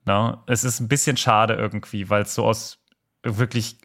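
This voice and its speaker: A man's voice: lowish voice, steady tone, normal speed, a bit bright. A man co-hosting a podcast, musing in casual chat with hesitant restarts and fillers. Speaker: podcast co-host.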